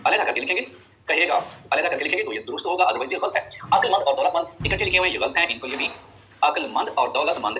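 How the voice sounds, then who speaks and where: A man runs through an exam-prep spelling lesson at a brisk clip, his voice sitting a bit high. He drills each rule and tells students to remember it. Faint room noise hums under him. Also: bright, forceful tone, poor audio. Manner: quick, drilling explanations with frequent reminders. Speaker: teacher.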